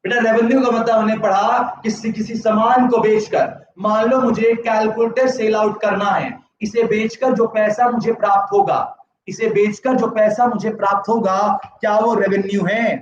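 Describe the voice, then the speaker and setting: Delivering a live online economics lecture with a sore throat, a man speaks at normal speed in a high, flat voice. He blends English terms into his talk and quizzes students with yes-or-no questions, the audio echoey, distant, slightly dull, and set against a noisy background.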